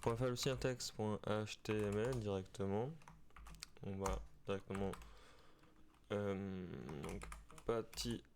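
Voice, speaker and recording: A man teaching web development over a screen recording, talking in a halting way with many fillers and restarts. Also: fairly low pitch, fairly even intonation, darkish tone, slight background noise. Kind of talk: screen-recorded coding tutorial.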